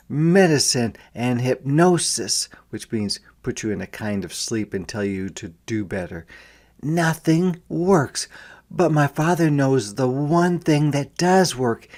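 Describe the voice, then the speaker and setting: Reading a picture book to young listeners the way a teacher would, a man with a medium-pitched voice keeps a slow, deliberate pace. His interactive storytelling is broken up by quieter asides where he pauses the story to explain things.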